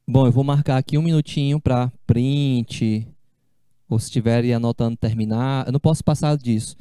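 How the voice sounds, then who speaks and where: A man teaching a language class, explaining slowly and repeating each step, with casual friendly asides to his students. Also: medium pitch, steady tone, mellow, smooth, no room sound, studio quality. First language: Portuguese. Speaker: Spanish teacher. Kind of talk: online class lecture.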